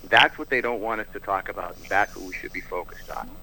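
Low, bright-toned male guest on a call-in line. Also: fast, creaky, a little hiss or hum, poor audio. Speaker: guest health expert. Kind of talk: interview answers by phone.

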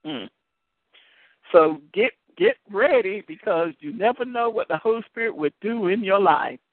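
A man with a high, very lively voice hosts a call-in deliverance show and tells a caller his testimony. He trips over repeated words as he goes. He comes through a thin, tinny phone line with no room sound. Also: normal speed, dry recording. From United States. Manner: animated storytelling with many word repeats and laughs.

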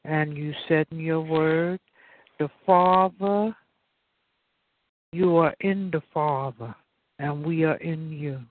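A man prays slowly and earnestly to open the meeting, often returning to "Father God". His voice sits fairly high. He is heard over a tinny phone line. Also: steady tone. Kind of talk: opening prayer.

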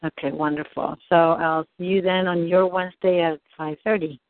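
A woman's voice: lowish voice, fairly even intonation, normal speed, no echo. A woman heard over the phone, helpfully arranging a meeting time with many hesitant fillers. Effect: heard over a phone line. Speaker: appointment scheduler. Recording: tinny phone line, dry.

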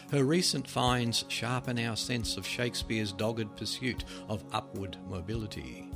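A man reading written articles aloud as scripted narration, with measured, dramatic phrasing that drops at sentence ends. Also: medium pitch. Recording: loud music behind the voice. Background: music.

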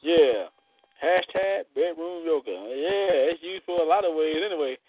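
A man hosting a casual live internet radio show, playful and loud, full of "y'all" and laughter. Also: a little high, animated, normal speed, no echo. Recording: tinny phone-like line.

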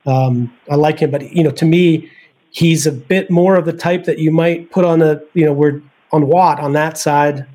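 A man's voice: on the high side, steady tone, normal speed, warm tone. A man on a sports podcast, thinking aloud as he weighs draft prospects in casual chat. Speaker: podcast panelist.

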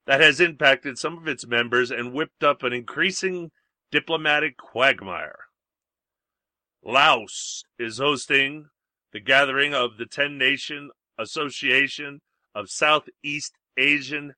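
A man's voice: mid-range voice, sharp tone, dry recording. A man hosting a talk radio show, chatting casually and reading news items in a blunt, grumpy, sarcastic way.

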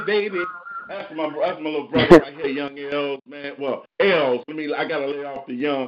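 A man's voice: fairly high pitch, muffled recording. A man hosting a casual call-in show, talking in laid-back, profane slang. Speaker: radio show host.

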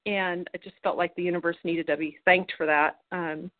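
A woman's voice: lowish voice, steady tone, moderate pace, no room sound. A woman coaching and encouraging others on a group phone call, earnest and heartfelt. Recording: tinny phone line, dry.

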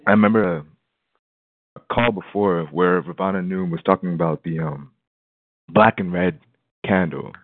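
A radio show caller, a man with a very deep voice, comes through a tinny, phone-like line. He talks softly and haltingly, with a dry, close sound and no room echo. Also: fairly even intonation. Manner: speaking softly and hesitantly. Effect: caller heard over a phone line. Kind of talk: call-in question on a talk show.

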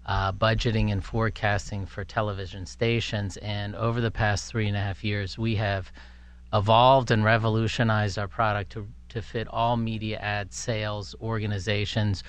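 Speaking as an interview guest, a man with a fairly low, smooth voice answers in a conversational, halting way, explaining things with an executive's measured flatness.

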